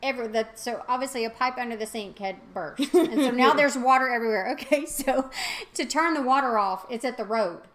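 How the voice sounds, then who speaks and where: This middle-aged host has a slightly high voice and talks briskly in a casual chat. She recounts stories with animation, using lots of fillers along the way.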